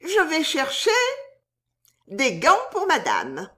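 A woman voicing a coy, teasing young female maid in a spoken storybook, with bright, quick exclamations. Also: high-pitched, wildly swooping pitch, voice pushed up, heavily acted.

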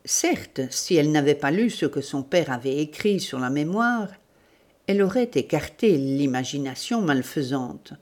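A woman narrating a literary novel in a measured, deliberate reading. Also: sits low, lively intonation, a little mellow. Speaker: audiobook narrator.

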